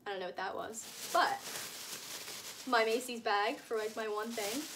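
A nineteen-year-old woman shows off a shopping haul in a vlog, rambling and gushing with plenty of "like" and exaggeration. Her voice is on the high side at a normal speed, recorded indoors in a small room with a curtain backdrop and a noisy background.

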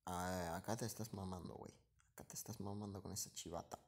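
This gaming streamer speaks quickly in a low voice with fairly even intonation, running commentary over his own gameplay. Between moves he drops to mutters, then jumps up in energy whenever the action swings, repeating short phrases along the way.

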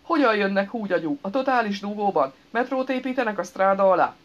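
A woman's voice: mid-range voice, expressive, natural voice. A woman voicing a desperate, indignant man with injured hands, pleading in a raised, whiny voice. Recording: dull lo-fi recording.

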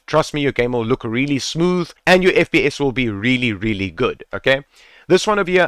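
A gaming tutorial creator casually guides viewers through game settings in a screen-recorded video, speaking into a headset mic. His medium-pitched voice is smooth and a bit bright with no room sound, and he repeats advice and swears now and then.

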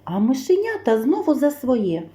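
A kindergarten teacher reading a folk tale aloud to children, slow, gentle and expressive. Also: female voice, high-pitched. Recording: roomy echo.

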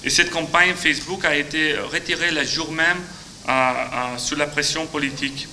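A man in his thirties with a Flemish accent, giving a prepared conference talk in halting, non-native French with grammar slips. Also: a little high, steady tone, bright, forceful tone. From Flemish Belgium. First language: Dutch (Flemish). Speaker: conference speaker, legal adviser. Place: large conference auditorium. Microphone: podium microphone. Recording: faint noise in auditorium.

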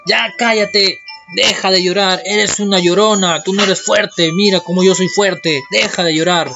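A man's voice: high voice, fairly even intonation, measured pace, gravelly. A man voicing a harsh young boy who scolds and dismisses his crying sister. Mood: scolding. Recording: dull lo-fi with music behind.

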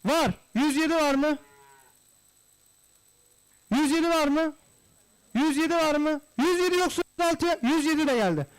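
High-voiced male livestock auctioneer. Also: normal speed, pauses often, low-quality recording. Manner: formal, courteous address to guests. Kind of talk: live auctioneer calling bids, repetitive price chant.

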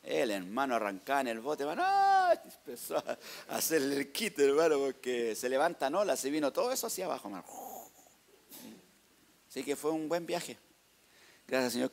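A man with a Chilean accent giving a lively church testimony, narrating slides and often calling out to the congregation. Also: medium pitch, gravelly. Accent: Chilean Spanish. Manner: lively storytelling, tags "hermano" and "¿ah?".

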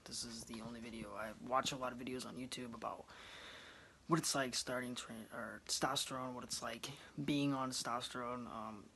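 This twenty-something vlogger chats to a close-up phone camera in a small room at home, relaxed and rambling with lots of ums. His voice sits at a medium pitch and moves fairly quickly. A little hiss or hum runs under the audio.

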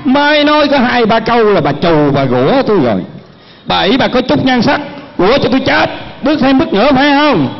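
A man's voice: extremely high pitch, sing-song, brisk, exaggerated voice. A man with a Southern Vietnamese accent playing a grumpy, proud farmer husband who lectures in proverbs in a stage comedy skit. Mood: bickering. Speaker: stage actor. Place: stage at a contest. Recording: muffled recording with loud music.

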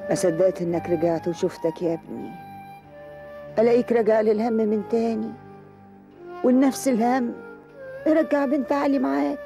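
A gravelly, somewhat high voice of an older mother in a TV drama, worn down and bitter, with strong music playing under her. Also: a little fast, long pauses. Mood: lamenting. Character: grieving old mother, weary and bitter. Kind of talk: TV drama acting.

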